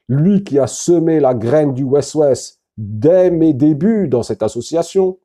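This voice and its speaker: A man gives an anonymous testimony in a very dark, mellow voice. He reads at a slow pace, with a solemn, deliberate delivery and a medium pitch. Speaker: former member giving testimony.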